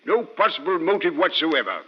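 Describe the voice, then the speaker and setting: High-voiced, stubborn police inspector. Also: male voice, very animated, fairly quick, breathy edge. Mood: baffled. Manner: blustering, dismissive, easily baffled. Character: stubborn, sceptical, slow-witted male police inspector. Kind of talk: old-time radio drama acting. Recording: dull old radio recording, long reverb.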